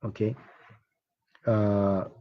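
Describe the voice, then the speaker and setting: A man's voice: fairly low pitch, flat delivery, extremely slow, no room sound. Guy teaching bible theology, pushy rhetorical questions, dry dull lo-fi sound. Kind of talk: theology lecture.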